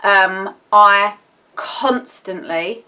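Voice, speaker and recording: A woman's voice: medium pitch, very slow, bright, forceful tone. Woman, Essex accent, thirties, casual home vlog, waffly and full of ums. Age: 30s. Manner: rambling, chatty, jumps between subjects with many ums. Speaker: vlogger. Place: indoors at home.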